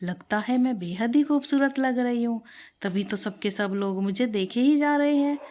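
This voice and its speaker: A woman's voice: fairly high pitch, normal speed, warm tone, lightly acted. A woman voicing a vain, bossy older mother-in-law who talks in a snappy, scolding way.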